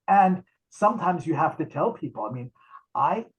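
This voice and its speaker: A man's voice: fairly high pitch, expressive, normal speed, rough recording. A man speaking as a nurse educator in a conversational talk on a video call. He tells stories with frequent restarts and acts out dialogue.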